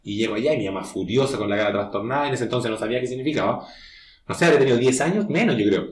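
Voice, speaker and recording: A man's voice: mid-range voice, expressive, racing, echoey room. Man with a Chilean accent, storytelling. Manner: conversational storytelling, slangy. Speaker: guest, horror writer. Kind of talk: casual podcast conversation.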